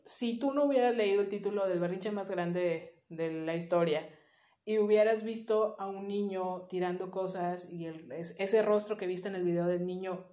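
A woman's voice: medium pitch, warm tone. Northern Mexican woman podcasting in a roomy space. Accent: northern Mexican, Monterrey. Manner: explanatory, addresses listeners directly. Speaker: podcast co-host, child psychotherapist. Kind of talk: casual conversational podcast talk. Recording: roomy echo, faint music.

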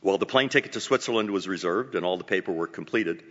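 A man's voice: sits low, fast talker, fairly bright tone. A man hosting a formal event, introducing it like a grand ceremonial announcer. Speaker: club president hosting a luncheon event. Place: hotel meeting hall. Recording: muffled microphone in a reverberant hall.

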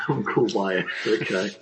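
A man's voice: lowish voice, slow, heavy background noise. A man joking and giggling in casual group banter.

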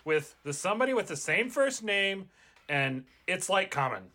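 A man's voice: sits high, big pitch swings, normal speed, sharp tone, voice pushed up, full character voice. A man doing a whiny Valley Girl time traveler. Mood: baffled. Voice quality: whiny, filler-heavy "like" speech. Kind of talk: comedic table read.

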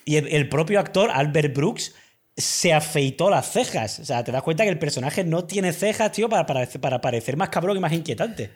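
As a podcast co-host, a man talks films in a casual, enthusiastic way, full of slang and fillers. His voice is on the high side, animated and brisk, with a breathy edge.

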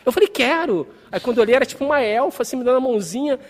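A young man tells a story with a very high voice and a rapid pace. He acts out voices and sounds as he goes, under a long reverb. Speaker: podcast storyteller. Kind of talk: casual storytelling chat.

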